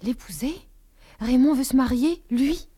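A woman reading the part of a vain, elegant young woman in an audiobook, in a breathy, hushed voice. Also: sits high, unhurried, voice pushed up. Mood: shocked.

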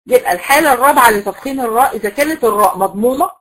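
Speaking rapid-fire in a fairly high, slightly bright voice with a breathy edge and lively intonation, this woman teaches recitation to a class in an Egyptian Arabic accent. She's patient in her explanations, quizzes the students, and goes back over the main rules. Audio quality is rough.

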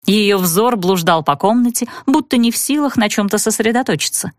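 A woman narrating a novel in the first person with expressive, measured storytelling. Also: mid-range voice, dry recording, studio quality. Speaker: audiobook narrator.

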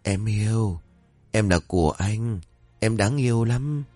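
A man voicing a demon possessing a young man, with a slow, lecherous drawl. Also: on the low side, warm tone, dry recording, soft background music. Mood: leering.

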